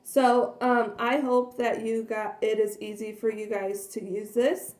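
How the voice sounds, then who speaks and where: A woman walks through a cleaning demonstration in a chatty, earnest way, slightly hoarse as she loses her voice. Her tone is soft and mellow. The sound rings around an echoey kitchen. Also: on the high side, flat delivery, a little slow. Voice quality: frequent throat clearing and coughs. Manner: chatty, earnest, many fillers. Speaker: product demonstrator. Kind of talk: casual product demonstration. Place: kitchen at home. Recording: echoey room.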